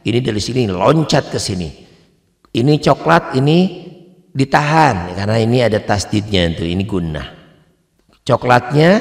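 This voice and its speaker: Chatty Quran teacher with a lilt. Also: male voice, lowish voice. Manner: chatty and plain-spoken, switching to loud drawn-out chanted recitation. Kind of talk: tajwid lesson for beginners. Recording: long hall reverb.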